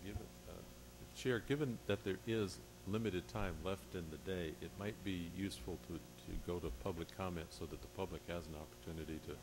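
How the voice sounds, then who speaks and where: A man giving a formal explanatory report to a board, phrasing things carefully and haltingly. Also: deep voice. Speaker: agency official reporting to a board. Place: public board meeting room. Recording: noisy meeting room with hum.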